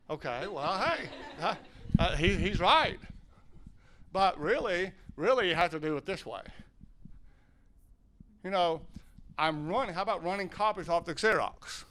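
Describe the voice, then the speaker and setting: A man's voice: fairly high pitch, bright, forceful tone. A man from southern Ohio who teaches sign language, giving a loose, self-correcting talk and questioning his audience.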